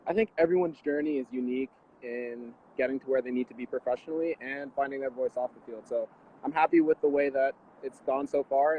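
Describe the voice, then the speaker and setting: A man in his twenties from the Washington D.C. area, a guest athlete answering interview questions in a measured, thoughtful way over a video call. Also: mid-range voice, slight background noise. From Washington D.C. area, USA. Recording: tinny phone-like video call audio.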